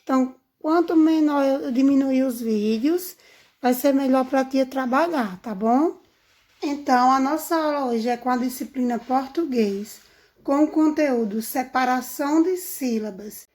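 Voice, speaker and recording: A primary school teacher with a high, slightly mellow voice gives young children a remote lesson, recorded on a phone. She speaks unhurriedly in a sing-song, affectionate teacher manner.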